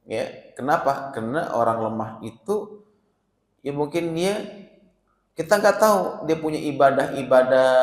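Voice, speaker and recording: Male preacher, mid-pitched, chatty sermon in a reverberant mosque hall. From Indonesia. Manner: conversational, asks the audience questions. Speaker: ustadz giving a mosque study lecture. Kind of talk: casual sermon with Arabic quotations.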